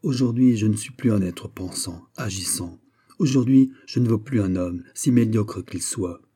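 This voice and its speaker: A man's voice: fairly low pitch, moderate pace, warm tone, breathy edge. A man voicing a lovesick young nobleman who speaks in a sighing, resigned way. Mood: despairing.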